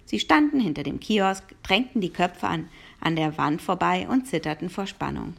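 A woman narrating a children's novel aloud in a lively storytelling manner. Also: fairly low pitch, moderate pace, creaky.

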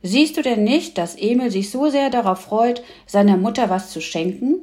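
A woman's voice: a little high, moderate pace, warm tone, voice pushed up, close to an everyday voice. A woman doing a cheeky sassy girl. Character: cheeky lively young girl cousin.

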